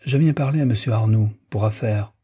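A brazen, self-assured kept woman who speaks with cool, casual familiarity, as a male reader puts her on. The voice is husky and breathy with a very dark tone, from a storybook reading. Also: fairly low pitch, fairly quick.

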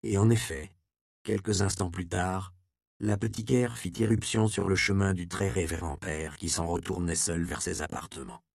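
Low gravelly male audiobook narrator. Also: dry recording, clean studio sound. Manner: steady, measured reading. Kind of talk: scripted narration.

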